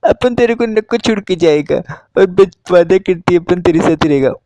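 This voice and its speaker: A man voicing the hero's doting middle-aged mother in a high falsetto, pleading. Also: normal speed, dark tone, no echo. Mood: promising.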